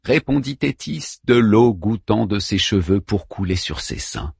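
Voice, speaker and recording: Gravelly man narrating an epic tale. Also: lowish voice, a little slow, no echo, clean studio sound. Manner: dramatic, expressive storytelling. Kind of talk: scripted audiobook narration.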